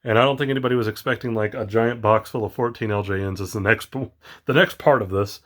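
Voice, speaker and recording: A man vlogging casually about his toy collection, rambling with many ums, excited but tired and yawning late at night. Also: fairly low pitch, quick pace. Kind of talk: casual unboxing vlog.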